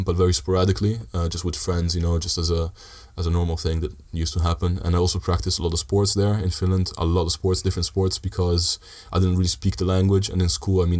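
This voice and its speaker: Very deep, even-toned young man. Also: a little fast, few pauses. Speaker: podcast guest. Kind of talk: casual chat.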